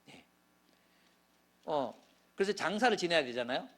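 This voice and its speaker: A middle-aged male pastor preaching a sermon as a story, his voice swelling loud and then dropping low. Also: moderate pace. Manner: animated storytelling, voice swells and drops sharply. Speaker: pastor, guest speaker.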